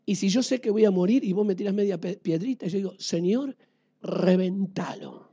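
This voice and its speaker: Animated Argentine woman preaching. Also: medium pitch, fast, breathy edge, muffled recording. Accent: Rioplatense Spanish. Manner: animated, asks the audience questions and swings between loud and quiet. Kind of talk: lively sermon.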